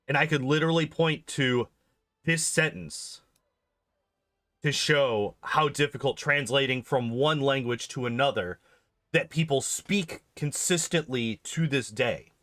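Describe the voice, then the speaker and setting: Speaking in a mid-range voice with a bright, forceful tone, this man chats loosely on his livestream as a game streamer and video host. He circles back to phrases for emphasis, and the clean studio recording has no echo.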